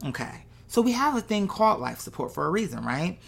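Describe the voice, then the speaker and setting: A woman vlogger with a lowish, creaky voice speaks a little fast and very animatedly. She rambles conversationally to her viewers in a casual, off-the-cuff monologue, thinking aloud and checking in with rhetorical questions.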